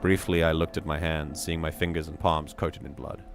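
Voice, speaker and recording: A man hosting a reading stream, reading a community story aloud in a measured way with joking asides. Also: a bass voice, flat delivery, creaky, noisy background.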